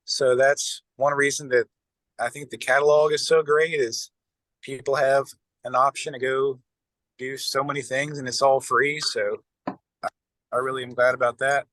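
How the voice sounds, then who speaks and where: A man's voice: medium pitch, little pitch movement, moderate pace, fairly bright tone, no room sound, rough recording. A man speaking plainly and appreciatively in a community group meeting. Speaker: community arts meeting participant. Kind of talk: casual sharing in a group meeting.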